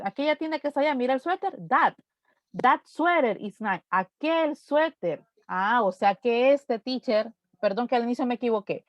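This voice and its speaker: A woman English teacher, explaining slowly and repeating each English word in a live online lesson. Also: fairly high pitch, dry recording. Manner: slow, drawn-out explanations repeating English words.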